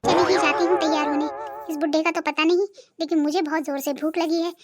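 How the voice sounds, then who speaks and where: Someone doing a squeaky high cartoon wife, bossy, always scolding and nagging her husband. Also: little pitch movement, a little fast, faint music behind, close to an everyday voice. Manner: sharp-tongued, nagging, threatening. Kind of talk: cartoon voice acting.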